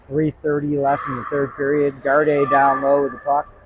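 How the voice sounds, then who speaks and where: A man giving brisk play-by-play hockey commentary, his voice washed in heavy hall-like reverb. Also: mid-range voice, monotone. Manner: brisk, clipped play calls that rise toward the final seconds. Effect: heavy echoing reverb, like a big hall. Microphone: microphone placed near an iPad. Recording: echoey reverb-heavy recording with faint noise.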